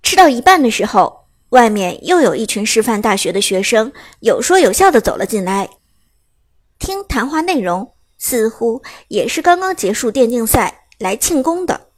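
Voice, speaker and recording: Woman narrating a novel, fairly high voice. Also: moderate pace, no room sound. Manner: steady storytelling. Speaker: audiobook narrator.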